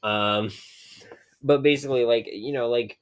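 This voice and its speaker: A man co-hosting a casual podcast, rambling and laid-back with lots of fillers, and high. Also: measured pace, smooth. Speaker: podcast co-host. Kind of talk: casual chat.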